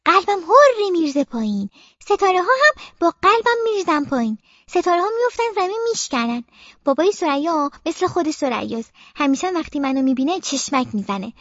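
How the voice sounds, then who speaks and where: A woman narrating a story as a young girl in the first person, childlike and expressive, with playful sound effects, on a slightly muffled dry recording. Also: high voice, dry recording. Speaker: audiobook narrator.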